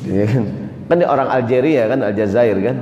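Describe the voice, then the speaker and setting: A man preaching a sermon in a mosque, lively and joking, often asking the audience questions. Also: medium pitch, moderate pace, muffled recording. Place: large mosque hall. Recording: echoey mosque hall.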